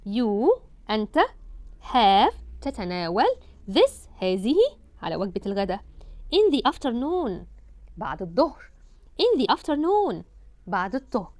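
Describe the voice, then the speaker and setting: Egyptian woman English teacher, higher voice with a lively, swinging pitch, slow drawn-out English words, dry close sound. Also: dry recording. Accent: Egyptian Arabic. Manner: repeats English words slowly, drawn out, then translates. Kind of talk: Egyptian Arabic English lesson.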